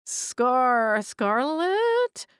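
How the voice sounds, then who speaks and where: A woman voicing a forlorn, bewildered man's ghost with halting delivery in an audiobook. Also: mid-range voice, no room sound, clean studio sound, close to an everyday voice. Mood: startled. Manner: hesitant, halting. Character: bewildered, forlorn male ghost of a funeral worker. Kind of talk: audiobook character voice.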